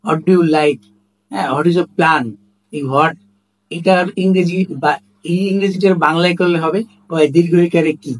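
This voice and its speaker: A man's voice: a little high, fairly even intonation, unhurried, poor audio. A man explaining a spelling rule in a lesson, emphatic, repeating example questions. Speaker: language teacher.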